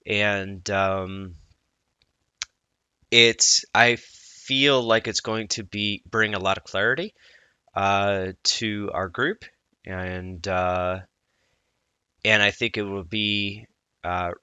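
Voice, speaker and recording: A man speaking as a coach in a personal vlog, earnest and reflective, often halting mid-thought. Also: fairly low pitch, fairly even intonation, sharp tone, clean tone, no echo, dull audio.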